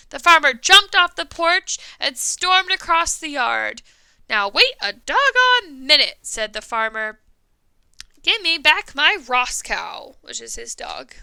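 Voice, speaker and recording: A woman's voice: sits high, bright, forceful tone, no room sound, poor audio. A woman music teacher reading a story to young children with lots of expression, singing the refrain and asking them questions.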